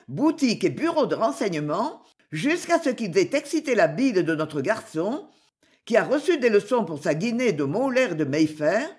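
A woman's voice: medium pitch, close to an everyday voice. A prim shopkeeping lady, read by a woman, talking with stiff dignity and a voice that rises and falls a lot from an audiobook. she rambles on with her complaints in long, winding sentences. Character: prim middle-aged woman running a London shop.

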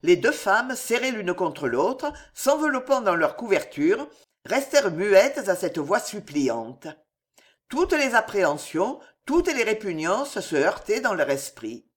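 A man narrating a classic novel as an audiobook, with an expressive, dramatic delivery. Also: high-pitched, measured pace. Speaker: audiobook reader.

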